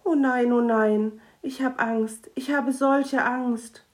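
A woman's voice: medium pitch, slow pace, mellow, lightly acted. A woman voicing a small, timid male Christmas imp who speaks in an anxious, whimpering way. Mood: frightened.

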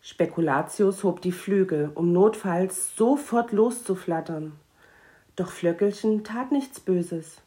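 A woman narrating a children's story in a calm, measured storytelling manner. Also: lowish voice.

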